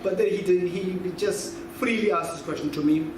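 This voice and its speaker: Here a man in his fifties, his voice sitting high and his pace moderate, explains Buddhist philosophy to an audience in a chatty way, asking them questions and repeating important phrases. The sound is distant and echoey, recorded in a hall with background noise.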